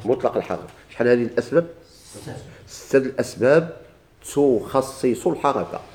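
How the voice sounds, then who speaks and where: A man with a Moroccan accent gives a grammar lesson in a dark, mellow voice. He poses a question, answers it himself, then drives the point home by repeating it. His pitch sits in an ordinary middle range. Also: lively intonation, brisk. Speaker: teacher.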